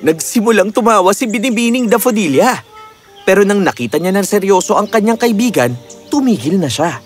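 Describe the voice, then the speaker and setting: A man narrating a children's fairy tale in a slow, expressive storytelling manner. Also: sits high, faint music behind.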